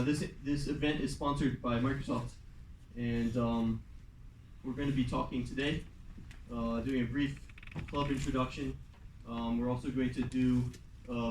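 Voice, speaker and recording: A man's voice: mid-range voice, a little hiss or hum. A young man, a student club president, casually presenting the semester plan to a class, with lots of fillers and some switches into Mandarin. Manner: loose and chatty, many fillers, switches into Mandarin at times. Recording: echoey classroom from far off.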